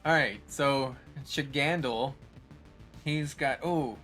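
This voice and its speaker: A man's voice: mid-range voice, takes it slowly, music in the background. A man running a tabletop role-playing game as game master, loose and jokey, cursing casually.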